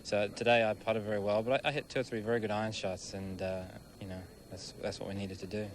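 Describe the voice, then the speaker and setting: A man's voice: fairly low pitch, flat delivery, quick pace, slight background noise. A man, a professional golfer, giving a casual, plain-spoken interview after play. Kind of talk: post-round interview.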